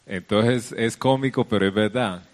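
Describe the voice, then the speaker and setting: Spanish-speaking pastor preaching in a hall. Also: male voice, lowish voice, normal speed. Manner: preaching, rising and louder when reading scripture. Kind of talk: sermon.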